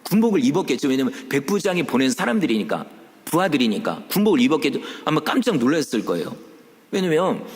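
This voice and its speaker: Animated male pastor in a reverberant sanctuary. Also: on the high side. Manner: animated preaching, acting out quoted voices, rhetorical questions. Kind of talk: sermon. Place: church sanctuary. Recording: long church hall reverb.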